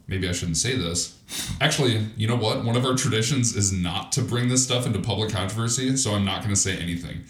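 A man's voice: on the low side, fairly quick, reverberant. A man co-hosting a casual podcast chat, rambling and cutting himself off as he talks, laughing easily. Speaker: podcast co-host.

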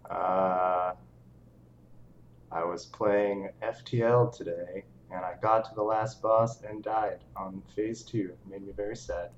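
A man who speaks as a podcast guest, slowly and hesitantly, often trailing off. His low voice comes through dull, lo-fi audio with a faint hiss. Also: steady tone. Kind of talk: casual chat.

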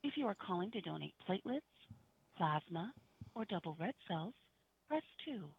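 A woman's recorded phone menu voice heard over a landline phone, reading prompts in an even, measured announcer manner. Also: mid-range voice, vocal fry, slightly rough. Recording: dull phone line audio.

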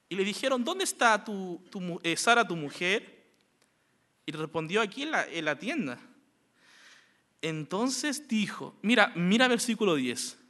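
Man, pastor preaching, high voice, bright tone, shifts from hushed to loud. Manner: swings from quiet, slow emphasis to loud, fast exhortation; addresses listeners as brothers again and again. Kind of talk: sermon.

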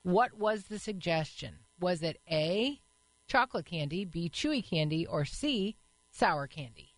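A woman's voice: on the low side, lively intonation, no room sound, rough recording. Upbeat woman radio co-host, dry studio mic. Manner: upbeat, quick to cheer callers. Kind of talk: casual radio chat and live read.

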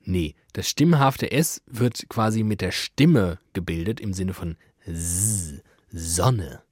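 A man co-hosting a podcast, telling anecdotes in a casual, animated way with lots of fillers. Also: fairly low pitch, measured pace, dry recording, clean studio sound. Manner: animated storytelling, many fillers. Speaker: podcast co-host. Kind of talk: casual chat.

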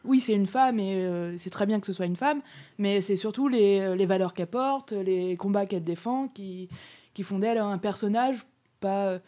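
A woman's voice: mid-range voice, normal speed, mellow. A woman in a casual discussion, talking hesitantly and searching for her words.

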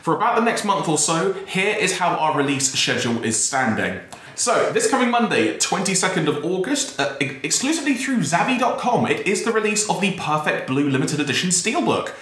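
A man's voice: high-pitched, sing-song, brisk, fairly bright tone. A man hosting a casual podcast, recorded in a bare, very echoey room. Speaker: podcast host. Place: bare office room with desk and chairs.

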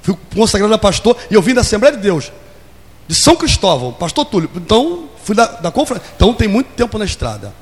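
A pastor in his forties preaches a sermon in a church hall, leading call and response and acting out little scenes. His voice is high-pitched and sing-song, and he moves at a quick pace. A long hall reverb trails every word.

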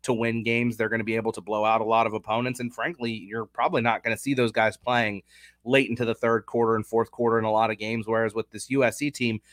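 A young man with a fairly low voice talks through sports betting odds in a casual, analytical way. The sound is dry and close. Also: level tone, fast, fairly bright tone, no room sound. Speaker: sports betting podcast host.

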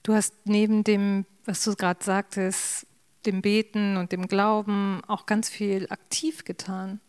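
A woman interviewer asking questions in a calm, measured way. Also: medium pitch, smooth.

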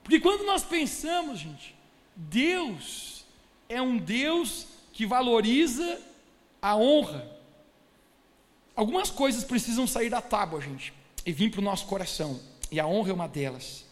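A man's voice: very high voice, sing-song, a little slow. A man preaching a sermon, emphatic and speaking directly to his congregation. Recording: echoey church hall.

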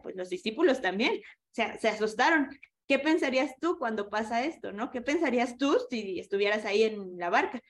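Animated woman leading a Bible study. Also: fairly high pitch. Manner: animated, asks the listeners questions. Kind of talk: online women's Bible study teaching.

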